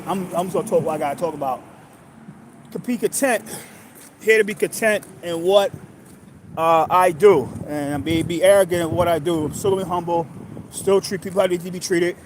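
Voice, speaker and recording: A man in his thirties from New York, talking in a rambling, halting monologue full of restarts. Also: high voice, noisy background. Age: 30s. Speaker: livestream host.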